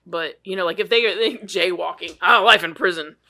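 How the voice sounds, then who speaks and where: A podcast co-host chats casually, ranting bluntly, swearing freely and laughing along the way. Her voice is on the low side, sharp in tone, at a normal speed.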